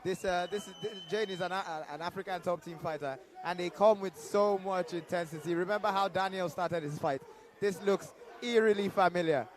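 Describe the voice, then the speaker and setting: A man's voice: high voice, moderate pace. A man giving casual live fight analysis as a colour commentator, chatty and conversational. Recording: clear venue noise behind.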